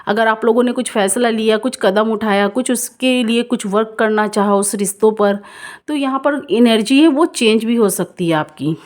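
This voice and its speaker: Lady reading tarot cards for viewers, kinda high voice, reassuring, says the same stuff over and over. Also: normal speed, a little mellow. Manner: repetitive, reassuring, mixes in English words. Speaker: tarot card reader.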